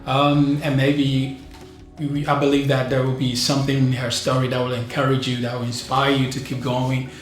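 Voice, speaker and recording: A man hosts a studio podcast, circling his questions and repeating himself as he goes. His mid-pitched voice stays flat and level, and it rings heavily in a bare, echoey room, with faint music in the background. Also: normal speed. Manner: rambling, repeats himself and restarts often. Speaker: podcast host. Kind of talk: interview hosting.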